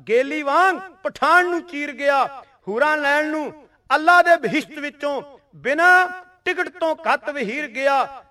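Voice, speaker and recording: A man with a high, ringing voice tells a battle story in a dramatic, rhythmic recital, slipping into sung verse. He sounds set back from the microphone, as if recorded from a little distance. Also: bright, forceful tone. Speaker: religious storyteller. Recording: distant mic.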